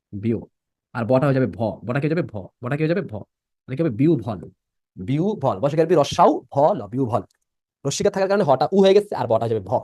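A man's voice: fairly high pitch, a little mellow, no room sound, studio quality. A young man teaching a live online class. He repeats each rule and keeps quizzing his students with questions. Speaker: admission-prep teacher.

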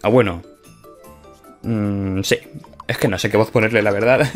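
A man's voice: on the low side, steady tone, measured pace, soft background music. A man with a Spain Spanish accent hosting a casual gameplay video, chatty and playful, laughing often as he talks. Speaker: gaming let's-play host.

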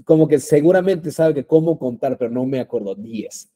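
A man's voice: mid-range voice, expressive, normal speed, warm tone. A man teaching a language class, patient and repetitive, with many fillers and check-ins. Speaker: Japanese teacher.

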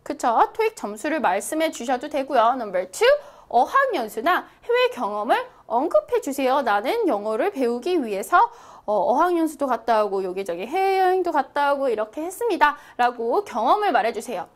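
A young woman teaching an online English lesson, lively and encouraging, reading example phrases slowly for students to repeat. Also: high voice. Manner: lively, encouraging, checks in with "right?" often.

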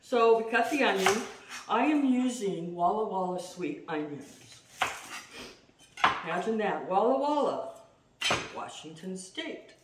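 A middle-aged woman chatting casually as she demonstrates a recipe at home, self-deprecating and quick to laugh. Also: medium pitch, expressive. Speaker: home cooking host. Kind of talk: casual cooking demo. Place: home kitchen, indoors. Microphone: far camera. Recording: roomy, distant, noisy.

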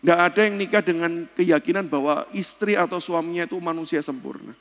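Male pastor, sermon in a church hall, fairly high voice, bursts loud then drops hushed, lingering hall reverb. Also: fairly quick. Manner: fiery preaching, swings from loud bursts to hushed lows. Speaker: pastor and seminar speaker.

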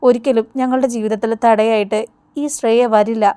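A woman's voice: a little high, fairly even intonation, normal speed, mellow, clean tone, no room sound, lightly acted. A woman voicing a worried older uncle who earnestly pleads with his nephew. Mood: pleading.

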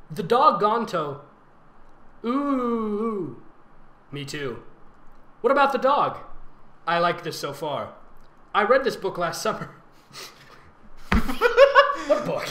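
High-pitched and fairly bright, this male voice belongs to a host and voice actor doing a comedic fan fiction read-aloud. He sounds theatrical, giggly and sarcastic, poking fun at the story throughout. Faint noise and a roomy echo sit under the recording.

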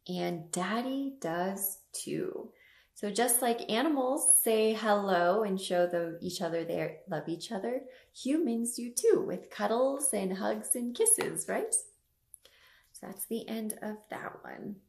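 Taking it slowly, a young adult storytime host reads picture books to toddlers in a mid-range, slightly mellow voice with vocal fry. She asks simple questions with exaggerated emphasis. The webcam in her small room at home picks up roomy sound.

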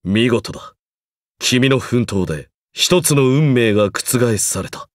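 A medium-pitched male actor voices a stern, pompous magecraft professor in a mobile game, lecturing formally and condescendingly while grudgingly encouraging his student with measured approval. His delivery is animated yet slow, recorded in studio quality with no room sound.

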